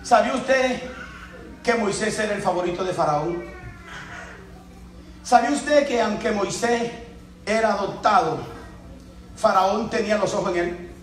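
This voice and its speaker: High-voiced preacher in an echoey church. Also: male voice, unhurried, long pauses. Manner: preaching with shouted bursts and laughter. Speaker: pastor. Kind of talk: sermon. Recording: echoey room from a distance.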